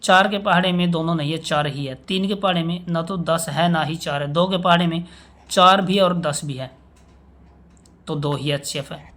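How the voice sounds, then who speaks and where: Male maths teacher, patient step-by-step explainer, a touch higher pitched. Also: normal speed, a bit bright. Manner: explains step by step, often asks "samajh mein aaya?"; checks in with "theek hai" and recites times tables aloud. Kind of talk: classroom maths lesson.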